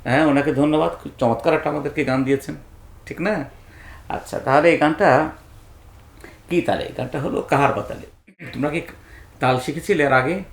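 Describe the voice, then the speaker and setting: A man's voice: fairly high pitch, gravelly. A man, a music teacher giving a singing lesson to children, patiently counting beats aloud and often checking that they follow.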